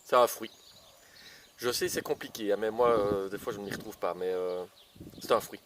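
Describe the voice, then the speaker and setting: A man's voice: on the low side, moderate pace, slight background noise. A man in his outdoor garden, planting seedlings and teasing kids to guess each vegetable, with lots of fillers. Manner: playful, teasing guessing games, many fillers. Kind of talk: casual gardening show for children.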